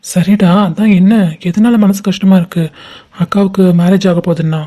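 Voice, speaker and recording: A woman voicing a caring young man in a cartoon, who asks questions in a soft, coaxing way. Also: medium pitch, steady tone, normal speed, lightly acted. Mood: concerned. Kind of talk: animated cartoon voice acting.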